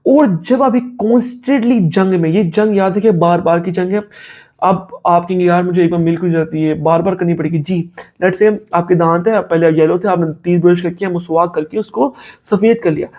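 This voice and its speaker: A man's voice: sits high, darkish tone. A man giving a casual spoken talk on faith and self-control, mixing in English phrases and checking in with "make sense?". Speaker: Islamic motivational speaker.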